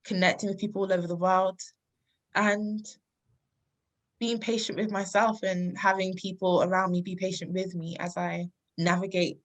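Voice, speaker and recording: A woman's voice: medium pitch, flat delivery, normal speed. Earnest woman in her thirties, from London. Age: 30s. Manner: earnest, reflective, laughs often. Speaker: podcast guest. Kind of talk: casual interview talk.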